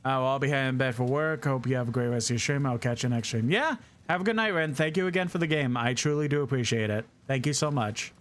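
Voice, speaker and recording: A man's voice: mid-range voice, fast, hardly any pauses. A man streaming a game live, chatting casually, swearing now and then and reading chat messages aloud.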